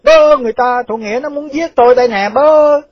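A man's voice: medium pitch, moderate pace, natural voice. A man voicing a frightened old male mandarin near sixty who pleads in a shaky voice. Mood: panicked. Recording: dull lo-fi dry recording.

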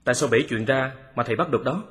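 A man playing an excitable, grateful lawyer who questions the detective eagerly in a radio drama. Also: mid-range voice, racing, natural voice. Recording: long hall reverb.

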